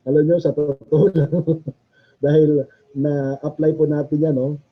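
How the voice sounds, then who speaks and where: Male chaplain, husky voice, chatty sermon, muffled lo-fi sound. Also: fairly high pitch, level tone, a little slow. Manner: chatty, laughs often, asks the audience questions. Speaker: chaplain preacher. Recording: dull lo-fi recording.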